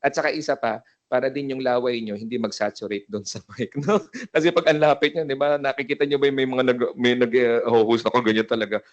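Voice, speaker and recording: A man's voice: medium pitch, brisk, lo-fi sound. A man with a Filipino accent giving a seminar on event hosting into a handheld mic, mixing languages, with many tag questions and live demonstrations of voice technique. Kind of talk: Taglish lecture. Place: seminar room with live audience. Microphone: handheld microphone.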